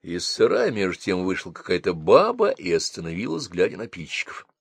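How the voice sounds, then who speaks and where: A man narrates a comic story in an expressive, animated way, his pitch rising and falling freely. The recording is dry and close, like a studio audiobook. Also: a little fast, creaky, slightly rough, no echo. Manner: lively, expressive reading.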